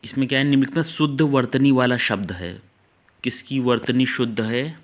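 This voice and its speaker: A man of ordinary pitch runs an exam-prep grammar lesson, going through one question after another. He talks straight to his students and tells them to note things down. He slows right down to spell out key words. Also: fairly even intonation. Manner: explains step by step, repeats key words slowly. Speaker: teacher.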